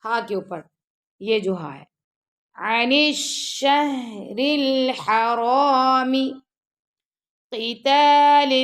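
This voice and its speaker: A woman teaching Quran recitation step by step, reciting verses slowly and drawn out, then briskly explaining the rules. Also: a little high. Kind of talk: step-by-step tajweed lesson.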